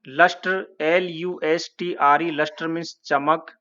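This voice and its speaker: A man from India gives a classroom lesson at an unhurried pace. He is calm and patient and spells each word out letter by letter. The recording sounds dull and lo-fi. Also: on the high side. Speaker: English teacher.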